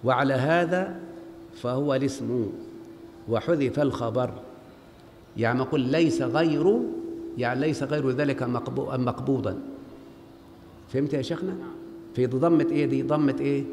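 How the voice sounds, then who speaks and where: Pausing often at a normal speed, a medium-pitched, Egyptian-accented man teaches Arabic grammar inside a large mosque, questioning students who answer back in call-and-response. Long hall reverb and faint background noise fill the recording.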